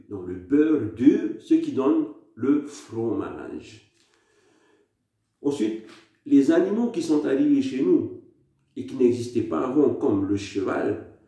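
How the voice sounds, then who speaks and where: A language channel host from French Polynesia gives a casual lesson, slowly explaining words one at a time and hesitating often. His mid-range voice is mellow, and the room is very echoey.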